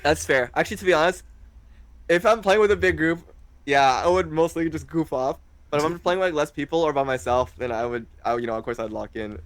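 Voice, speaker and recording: Hesitant young man, smooth clear voice. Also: a little high, a little fast, no echo. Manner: hesitant, rambling with many fillers. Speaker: interview guest, streamer. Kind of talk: casual interview chat.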